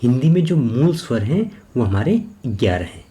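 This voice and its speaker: A man giving an exam-prep grammar lesson, slow and methodical, spelling out each sound one by one and answering his own questions. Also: mid-range voice, very animated, dark tone. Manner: asks a question and then answers it himself. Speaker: teacher.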